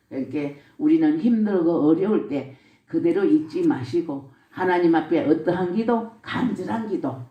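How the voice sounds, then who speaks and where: A woman's voice: low voice, warm tone. An older woman with a Gyeongsang accent giving a church testimony, asking herself questions and answering them, with frequent laughter. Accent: Gyeongsang Korean. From Gyeongsang region, Korea. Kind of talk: spoken testimony. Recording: echoey room, speaker far from mic.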